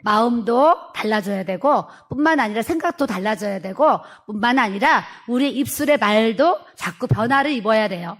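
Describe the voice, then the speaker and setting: A middle-aged woman pastor preaching a sermon earnestly, acting out family dialogue with laughs. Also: on the high side.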